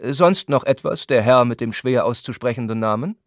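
A man voicing a brusque, impatient spa doctor who talks down to his patient in a gruff, scolding way. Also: medium pitch, normal speed, no echo, studio quality, pitched above the performer's own voice, close to an everyday voice. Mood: lecturing.

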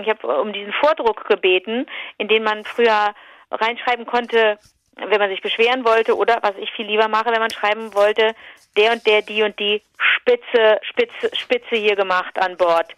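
A woman's voice: on the high side, fairly bright tone, dry recording, lo-fi sound. A woman co-hosting a casual chat, rambling and restarting her sentences as she tells a story. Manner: chatty, rambling, many restarts. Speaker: podcast co-host. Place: remote, talking over a call.

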